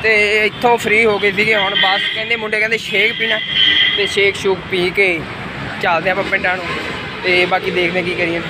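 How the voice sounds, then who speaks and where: High-pitched young Punjabi man vlogging. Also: little pitch movement, fairly quick. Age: 20s. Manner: slangy, joking, hailing viewers. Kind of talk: casual vlog chat to camera. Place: on the move in malls, streets, a car and a cafe. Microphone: phone at arm's length. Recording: noisy outdoor phone recording, crowd and traffic. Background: crowd chatter and vehicle noise.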